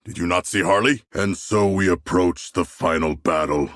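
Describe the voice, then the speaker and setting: A man voicing a hulking humanoid shark warrior for a video game, gravelly, with formal, grandiose, earnest delivery. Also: deep voice, normal speed, a bit bright, no echo, clean studio sound. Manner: formal, grandiose, stilted phrasing. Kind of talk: video game character dialogue.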